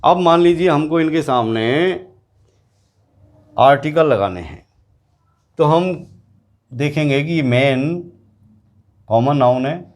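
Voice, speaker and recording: A man teaching an English grammar lesson to students, explaining slowly and repeating example words. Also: a little high. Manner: slow, repetitive explaining, addressing students directly.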